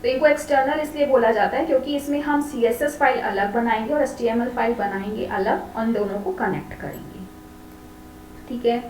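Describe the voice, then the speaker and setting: A woman's voice: on the high side, moderate pace, darkish tone. A woman teacher explaining a lesson step by step. She mixes Hindi with English phrases and often stops to check that her students follow. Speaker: computer teacher. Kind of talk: classroom lesson explaining CSS. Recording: echoey room, voice from a distance, faint hum.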